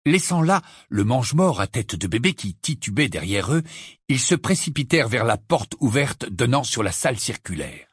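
Male audiobook narrator, expressive and dramatic, husky tone, lively pitch. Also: normal speed, no echo, studio quality. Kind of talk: audiobook reading.

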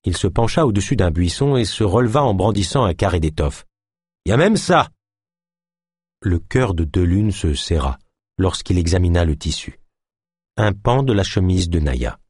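A man's voice: sits low, lively intonation, normal speed, a little mellow, husky, dry recording, studio quality. A man reading a novel aloud as an audiobook narrator, telling the story expressively.

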